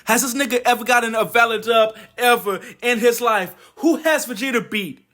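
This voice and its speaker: A man's voice: extremely high pitch, normal speed, sharp tone. A man doing a comedic anime commentary rant, exasperated, profane and mocking. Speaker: video essayist.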